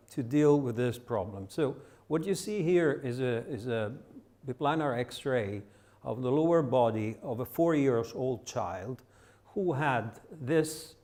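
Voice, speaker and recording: A man's voice: medium pitch, darkish tone. An older man giving a public lecture as guest speaker, with non-native phrasing and frequent restarts.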